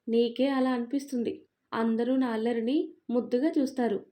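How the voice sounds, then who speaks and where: A woman's voice: a little high, level tone, a little fast, warm tone, lightly acted. A woman voicing a playful, pampered young daughter who teases in a whiny, affectionate way. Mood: whiny teasing.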